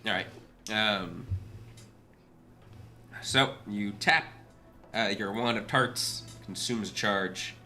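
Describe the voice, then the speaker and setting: A man narrating as dungeon master in an online tabletop game, relaxed and hesitant with fillers. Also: fairly low pitch, slow, long pauses, soft background music.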